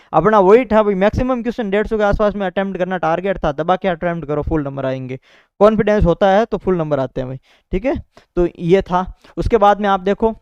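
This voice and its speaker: In a casual motivational talk, a young exam topper tells students how he prepared, circling back over points and leaning on "bhai" and "theek hai". His high voice has a darkish yet clean tone, with no echo and dull-sounding audio.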